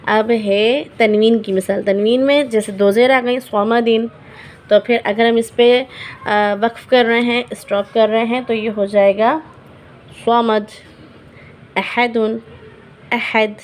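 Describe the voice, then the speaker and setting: A woman teaching Quran recitation rules in a patient lesson. She repeats each example word slowly and checks in her learners often. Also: on the high side, fairly even intonation.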